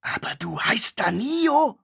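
A haughty young woman speaks in a raised, tight voice, formal to the point of stiffness, as a male narrator puts her on. The storybook heroine keeps her words measured and clipped, though the calm sounds forced. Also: fairly high pitch, pitched above the performer's own voice. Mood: indignant. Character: young woman, proud, sharp-tongued acolyte.

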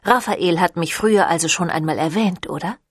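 A woman voicing a seductive, ancient female vampire clan leader in an audiobook, with a silky, teasing manner that drops into breathy whispers. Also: on the low side, a little fast, dry recording, clean studio sound. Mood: coaxing. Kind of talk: audiobook reading.

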